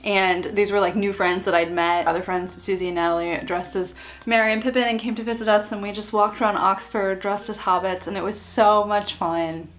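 A woman vlogger in her twenties does a storytime chat to a webcam from her small bedroom, animatedly imitating her friends' lines. She speaks fairly quickly in a mid-range, slightly bright voice with fairly even intonation.

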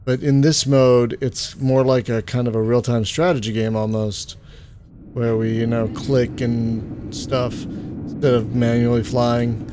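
A man's voice: medium pitch, level tone, a little slow. A man giving casual, offhand gameplay commentary as a let's play host. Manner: offhand, conversational. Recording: loud game noise behind voice.

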